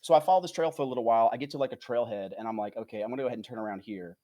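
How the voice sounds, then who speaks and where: Animated man telling a rambling story. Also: medium pitch, rapid-fire, background noise. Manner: animated, rambling anecdotes with swearing. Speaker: podcast co-host. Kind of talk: casual comedic storytelling.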